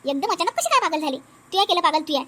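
A woman's voice: very high voice, very animated, very fast, bright, forceful tone, full character voice. A woman voicing a proud middle-aged sister-in-law who scolds shrilly. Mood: indignant.

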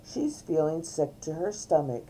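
A patient storybook father with a calm, reassuring way of talking, as an older woman reads him aloud. The voice is warm and slow, with plenty of rise and fall. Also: low voice, a little hiss or hum, poor audio. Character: patient, good-natured father aardvark.

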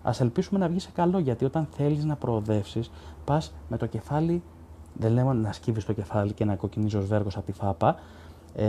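Man, sports journalist on a live stream, blunt, argues with the chat, mellow voice, faint background noise. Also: mid-range voice. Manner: blunt, argumentative with commenters, many fillers and restarts. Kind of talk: casual live-chat commentary reading viewer comments.

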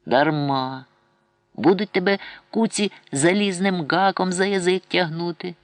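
A man's voice: high-pitched, unhurried, no room sound, pitched above the performer's own voice. A man voicing a pious, stern village mother who scolds her son and threatens him with hellfire. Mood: stern warning.

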